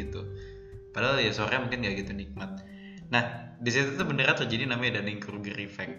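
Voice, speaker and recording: A man chatting casually and informally as a solo podcast host, with a speech impediment that turns his r sounds soft, like w. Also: on the low side. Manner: informal and chatty, breaks into chuckles. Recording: dull, roomy recording with music behind. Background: plucked guitar music.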